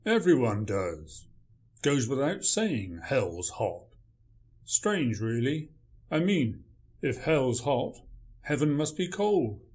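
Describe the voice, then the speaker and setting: A man's voice: mid-range voice, very animated, takes it slowly, darkish tone. A man playing a grumpy male writer, dry, sarcastic and dismissive in a radio play. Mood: sardonic.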